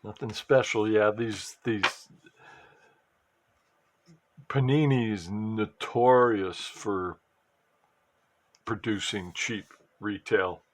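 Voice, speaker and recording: Slow, low-voiced man opening cards. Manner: rambling, restarts and trailing asides. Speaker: sports card collector and fantasy football vlogger. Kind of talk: casual commentary while opening a card pack.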